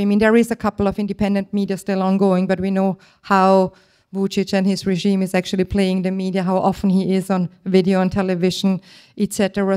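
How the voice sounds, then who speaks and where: A woman's voice: mid-range voice, mellow, smooth. A woman moderating a panel, posing long framing questions with hesitations. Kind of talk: panel discussion.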